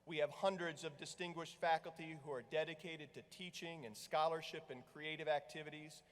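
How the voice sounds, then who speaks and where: A man who is a university president gives a formal, deliberate commencement speech at a podium mic in a large hall. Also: a little high, steady tone, fairly bright tone. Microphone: podium microphone. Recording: long reverb of a large hall.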